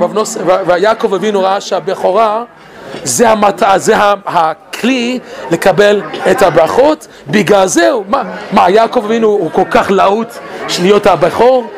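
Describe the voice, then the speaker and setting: A man giving an animated Torah talk. He laughs often and asks many rhetorical questions. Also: high voice, vocal fry, some chatter behind. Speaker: Torah teacher.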